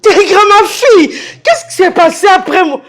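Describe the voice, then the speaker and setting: A woman's voice: very high-pitched, expressive, fairly bright tone. A middle-aged woman with a Congolese French accent playing a grieving mother who calls on God and draws out her cries. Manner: drawn-out, wailing calls of a name.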